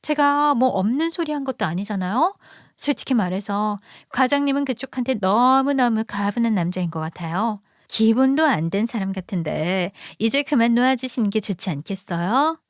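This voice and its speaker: A woman's voice: a little high, animated, moderate pace, dry recording, studio quality, close to an everyday voice. A woman voicing a brazen young mistress who speaks with sugary politeness while defending the affair. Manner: sweetly polite, then boldly defiant.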